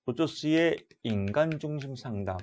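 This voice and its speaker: A middle-aged man teaches an exam-prep class in a loud, animated way. His voice sits at an ordinary mid pitch. He keeps the lesson lively by acting out short exchanges. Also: a little slow, slight background noise. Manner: loud, animated, acts out dialogues. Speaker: lecturer.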